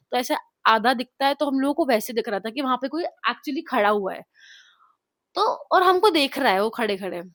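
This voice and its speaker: A young woman chats straight to her camera in an animated, casual storytelling style, slipping English words into her sentences. Her voice sits a little high. The sound is dry and close, with no room echo. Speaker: vlogger. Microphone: clip-on mic, later camera mic after battery died.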